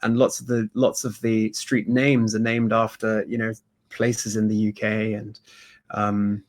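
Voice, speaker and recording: A co-founder of a sourcing company, a man from Hong Kong with a British accent, answers interview questions conversationally over a video call. He laughs often and restarts sentences amid many fillers. His voice is fairly low, completely flat, and measured in pace.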